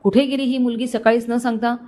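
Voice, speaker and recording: A woman's voice: on the high side, flat delivery, a little fast, mellow, close to an everyday voice. A woman voicing an elderly wealthy father who sounds earnest and pleading, in a storybook reading. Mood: worried.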